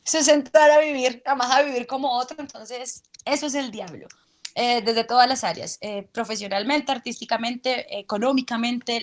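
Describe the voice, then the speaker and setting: Drama teacher lady in an interview, animated, demos stuff w her voice, bit high pitched. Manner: animated, explains with vocal demonstrations. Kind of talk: interview answers.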